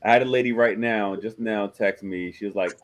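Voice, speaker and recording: Joking forty-something man, lowish voice. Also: a little fast, noisy background. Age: 40s. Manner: joking, animated storytelling. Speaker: host. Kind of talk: casual chat.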